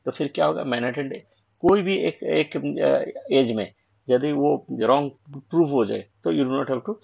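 A man's voice: mid-range voice, unhurried, gravelly, a little mellow, husky. A man with an Indian accent working through an assignment as an online tutor, mixing English and Hindi and explaining step by step. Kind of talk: assignment walkthrough lecture. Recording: dull lo-fi recording.

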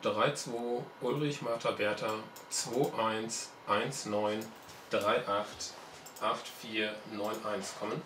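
A man reading out coordinates over a walkie-talkie radio in slow, spelled-out voice procedure. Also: fairly low pitch, fairly even intonation, reverberant, far from the mic, background noise. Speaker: radio exercise organizer.

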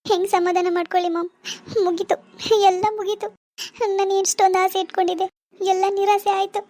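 A young married woman in an animated drama, voiced by a woman. She sounds tearful and desperate, begging and despairing. Her voice is very high and she speaks quickly. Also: no room sound. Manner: pleading, despairing.

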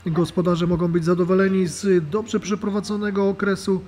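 High-voiced man narrating a match report. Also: little pitch movement, a little mellow, slight background noise. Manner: measured narration with "e" fillers. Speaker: sports commentator.

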